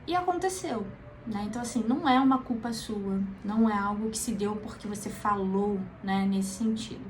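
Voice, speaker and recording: A woman teaching psychology in a casual, conversational lesson, calm and reassuring, often checking in with the listener. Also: mid-range voice, moderate pace, slight background noise, rough recording. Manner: conversational, frequent tag questions, calm reassuring. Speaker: psychology educator.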